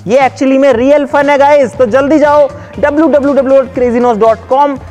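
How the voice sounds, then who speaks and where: A man with a strikingly high voice who chats and pitches to viewers with upbeat energy. His tone is persuasive and quick to encourage. Music runs in the background. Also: steady tone, a little mellow. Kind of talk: casual chat and promo talk.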